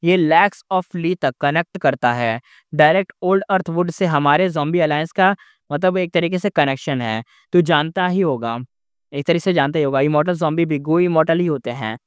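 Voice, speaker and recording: A man's voice: fairly high pitch, normal speed, smooth, dry recording, studio quality, lightly acted. A man voicing a proud male zombie immortal in a novel recap, keeping his own conversational voice and stumbling over his words. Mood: explaining. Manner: plain conversational telling, with restarts and fillers.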